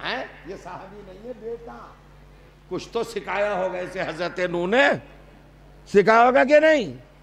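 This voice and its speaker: A middle-aged man delivering a fervent religious sermon to a gathered audience, his voice pitched extremely high for a man. He peppers the listeners with rhetorical questions and rises into shouted, oratorical peaks before dropping to low, confiding asides. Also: expressive, creaky, breathy edge. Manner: drops to low, intimate asides between outbursts. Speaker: Shia cleric preaching a majlis.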